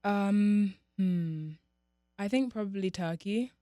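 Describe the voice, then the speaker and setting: A young woman from Nigeria, chatting as a podcast guest in a relaxed way with lots of fillers. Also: mid-range voice, takes it slowly, no room sound, clean studio sound. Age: young adult. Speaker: podcast guest, college athlete. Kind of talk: casual interview chat.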